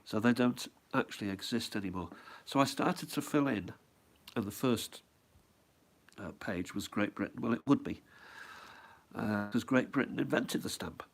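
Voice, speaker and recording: Showing off his stamp album at home, a middle-aged man with a cold speaks at normal speed in a lowish voice. He rambles casually, thinking out loud and putting questions to himself.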